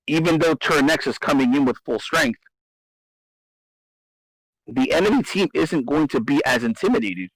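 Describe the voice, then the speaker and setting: A man's voice: medium pitch, slightly rough, dry recording, low-quality recording. A man in casual talk, explaining game strategy and often restarting and repeating his phrases for emphasis. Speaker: host. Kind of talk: casual gaming strategy discussion.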